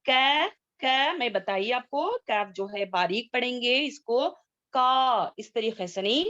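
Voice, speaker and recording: Slow-paced woman teaching recitation online. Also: a little high, animated, a bit bright, no echo. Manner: asks students questions and drills sounds slowly. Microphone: video call. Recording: dull lo-fi video call audio.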